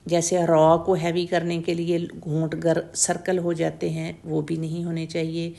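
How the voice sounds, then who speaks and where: A woman teaching tajweed pronunciation, slowly and patiently demonstrating each letter sound over and over and checking that the learner follows. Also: low voice, completely flat delivery, gravelly, warm tone. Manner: mixes English words into Urdu, checks in with "theek hai?". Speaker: Quran recitation teacher.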